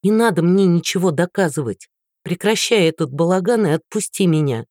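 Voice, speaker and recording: A woman voicing a sharp-tongued, scornful young woman who answers with biting mockery. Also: lowish voice, lively intonation, fairly quick, dry recording, clean studio sound, natural voice. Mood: mocking. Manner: mocking, biting.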